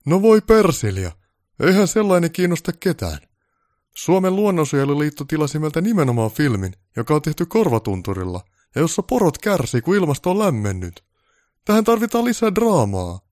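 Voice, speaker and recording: A man's voice: on the high side, very animated, a little mellow, no echo, studio quality, pitched above the performer's own voice. A man voicing a pompous, snobbish male film director who barks orders in a haughty, raised voice. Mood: shouting.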